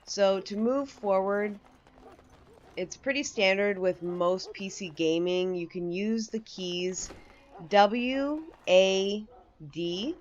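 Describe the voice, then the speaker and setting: Over game music, a female host chats her way through a video game tutorial, explaining as she plays. Her mid-range voice moves at a slow pace. The audio is dull, with a little hiss or hum.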